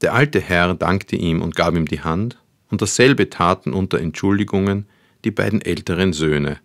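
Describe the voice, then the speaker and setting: A man narrating a literary audiobook in a measured, even manner. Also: sits low, no echo, studio quality.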